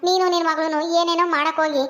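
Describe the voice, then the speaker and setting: A woman's voice: very high-pitched, fairly even intonation, rapid-fire, fairly bright tone. A woman voicing a meddling old village grandmother who nags and needles. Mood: needling. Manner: nagging, needling.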